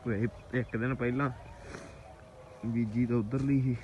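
His medium-pitched voice is steady, a little slow, and slightly mellow, though the audio is dull. This Punjabi-accented farm vlogger chats casually outdoors, repeatedly hailing viewers as brothers in a rustic, friendly way, with birds, animals, and rural noise around him.

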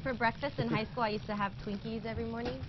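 A woman's voice: fairly high pitch, steady tone, fast talker, lo-fi sound, background noise. A woman guest chatting playfully during a party game. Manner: playful, giggly. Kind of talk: casual party banter.

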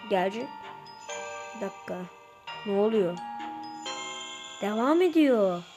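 A woman's voice: mid-range voice, expressive, slow, over music. A woman giving casual commentary to her viewers while playing a game, slightly ill. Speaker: gaming YouTuber.

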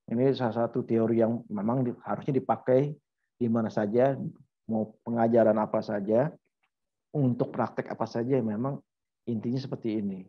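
At a moderate pace and with a steady tone, a medium-pitched man in middle age delivers a casual medical lecture. He walks through examples, tells anecdotes, and asks rhetorical questions, captured on slightly dull lo-fi audio.

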